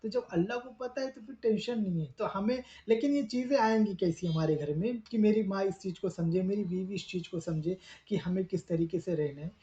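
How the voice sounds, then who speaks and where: A man's voice: high-pitched, brisk, few pauses, mellow, reverberant, dull audio. A man answering viewer questions in a live advice talk, earnest and explaining step by step while repeating his points.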